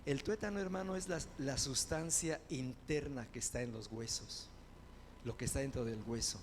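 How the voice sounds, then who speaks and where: A male pastor preaching a sermon, asking the congregation questions and swinging between quiet asides and shouted repetition. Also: medium pitch, normal speed, slight background noise.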